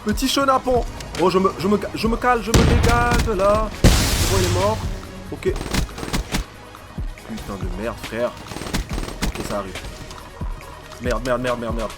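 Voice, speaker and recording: Excitable slangy gaming commentator man. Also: sits high, a little slow, pauses often, loud music behind the voice. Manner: excitable, slangy, swears a lot, talks to opponents. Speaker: gaming YouTuber. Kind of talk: live gameplay commentary.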